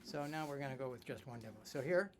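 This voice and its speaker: A man's voice: mid-range voice, quick pace, loud music behind the voice. A man giving a casual hands-on instrument demonstration, chatty and self-mocking, thinking aloud while he tinkers.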